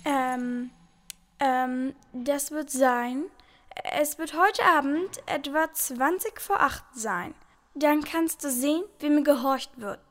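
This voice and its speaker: Woman as a pompous bossy queen, high voice, commanding, radio play, music underneath. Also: slow, a bit bright. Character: bossy queen ruling a tiny planet, pompous.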